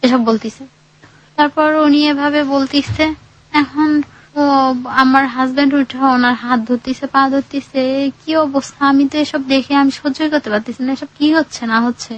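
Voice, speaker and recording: A woman's voice: high voice, steady tone, normal speed, muffled recording. A woman telling her own life story in rambling, acting out what others said. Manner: rambling, colloquial, acts out others' quoted speech. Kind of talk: casual spoken storytelling.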